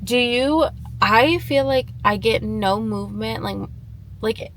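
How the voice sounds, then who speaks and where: A woman's voice: fairly high pitch, takes it slowly, fairly bright tone, slight background noise, low-quality recording. A young woman talking casually to her viewers as a running vlogger. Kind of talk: casual vlog talk.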